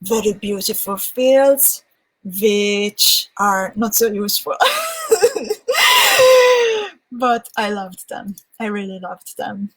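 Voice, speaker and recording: A young woman with a Hungarian accent chats casually on a live stream, reading viewer comments and thinking aloud with restarts. Her mid-range voice is fairly even in intonation, slow, with long pauses.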